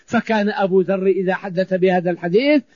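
A man's voice: sits high, fast, darkish tone, no room sound. A man preaching a sermon, emphatic and repeating phrases for stress. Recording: dull lo-fi recording.

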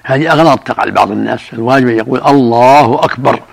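An older man, a religious scholar, answering questions in a measured, explanatory way. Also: mid-range voice, gravelly, breathy edge. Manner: measured, explanatory, chants call-to-prayer examples.

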